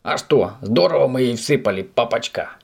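A man's voice: lowish voice, animated, moderate pace. A man voicing a cheeky impish male creature with a snout who teases and mocks. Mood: gleeful. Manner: teasing, mocking, gleeful.

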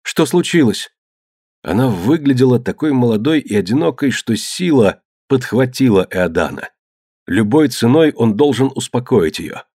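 A man reads an adventure novel aloud in a low, even, measured voice. The recording is dry and close, with no room sound around him. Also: slightly rough, no echo. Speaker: audiobook narrator. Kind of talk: scripted narration.

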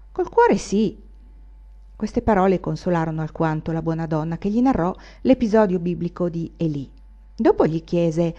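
A woman reading a novel aloud in a measured, expressive narration. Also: fairly low pitch. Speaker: audiobook reader. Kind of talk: literary audiobook narration. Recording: dull lo-fi recording.

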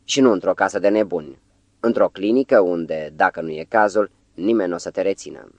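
A man voicing a calm, composed psychiatrist who speaks in a measured way, in an audiobook. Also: low voice, no room sound.

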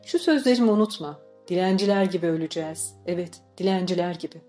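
A woman reading the lines of a stern, bitter old grandfather in an audiobook, with gruff outbursts, over faint music. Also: mid-range voice, animated, moderate pace, warm tone, natural voice.

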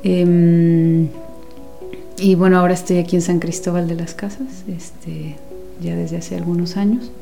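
A woman in her forties from Guatemala, a guest speaking softly in an interview and searching for words with many pauses and restarts. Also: fairly low pitch, flat delivery, creaky, soft background music. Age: 40s. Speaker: guest, women's companion and former teacher. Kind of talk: unhurried interview talk.

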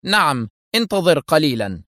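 A man's voice: fairly high pitch, big pitch swings, moderate pace, fairly bright tone, dry recording, voice pushed up. A narrator puts on a scheming office manager, raised a little above his plain voice and courteous on the surface with a sneer underneath. It is read close and dry, like an audiobook character. The menace sits behind good manners. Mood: sly. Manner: smooth and courteous, then sneering.

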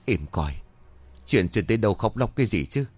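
A man's voice: on the low side, expressive, fairly quick, no echo. A man voicing a bossy, fretful older mother-in-law who scolds and gives orders. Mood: scolding.

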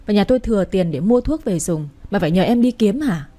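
A woman's voice: medium pitch, lively intonation, fairly quick, dark tone, natural voice. A woman voicing a cold, stern young husband who scolds his wife in short, curt lines in a storybook reading. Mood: angry.

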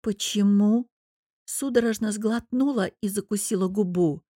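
Woman narrating a dark-toned audiobook. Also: medium pitch, dry recording, clean studio sound. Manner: measured, even storytelling. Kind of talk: first-person audiobook narration.

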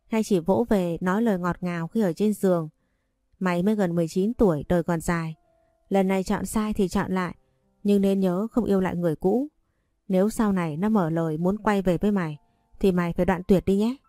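A woman's voice: medium pitch, dark tone, no room sound, clean studio sound, natural voice. A woman reading as a blunt, caring young best friend. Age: young adult. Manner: frank, scolding but caring. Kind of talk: read-aloud story dialogue.

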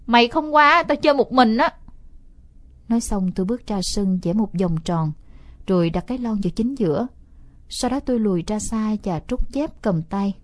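A woman reading a first-person story aloud as an audiobook narrator, steady and expressive. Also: medium pitch, dry recording.

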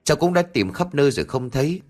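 A man's voice: fairly high pitch, sing-song, fast talker, a little mellow, voice pushed up. A man voicing an anxious young man. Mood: worried. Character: anxious young man looking for his mother.

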